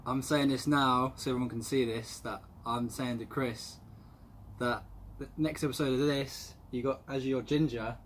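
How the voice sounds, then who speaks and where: A man's voice: mid-range voice, fairly even intonation, normal speed, fairly bright tone. A man in his mid twenties, teasing his friend playfully in casual chat. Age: 20s. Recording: light background noise.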